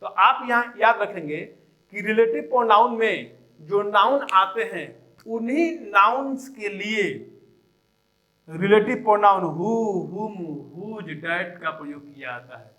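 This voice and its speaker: A male teacher explaining English grammar, repeating each example sentence slowly and deliberately. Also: high voice, bright, forceful tone, low-quality recording.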